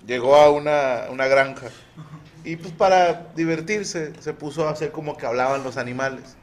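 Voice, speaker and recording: A man's voice: on the high side, moderate pace, a little hiss or hum. A Mexican man telling jokes casually among friends, chatty and slangy, often chiming in. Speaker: joke teller.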